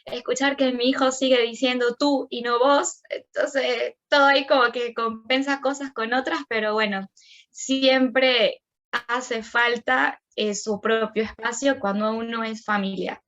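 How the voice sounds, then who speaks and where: A young Venezuelan woman with an Andean lilt tells her story in a high, lively voice, jumping up in pitch whenever she acts out her own words or her child's. The recording is muffled and lo-fi. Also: a little slow. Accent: Venezuelan Andean Spanish. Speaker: interviewee, immigrant mother. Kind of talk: emotional personal storytelling.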